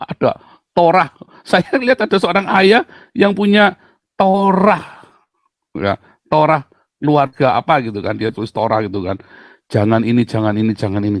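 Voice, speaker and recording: Animated pastor preaching. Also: male voice, no room sound. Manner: animated, jumps to high mocking tones and sound effects. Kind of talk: sermon.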